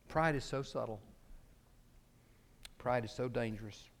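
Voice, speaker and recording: A man preaching a sermon, swinging between loud emphasis and quiet asides and acting out quoted speech. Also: medium pitch, a little slow. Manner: acts out quoted speech in his telling. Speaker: pastor.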